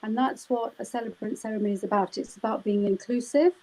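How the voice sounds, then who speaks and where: Her voice is a little high and warm, with fairly even intonation and a quick pace, though the recording is low quality. She's a wedding celebrant from the United Kingdom, answering live chat interview questions at length with frequent "um" and "you know".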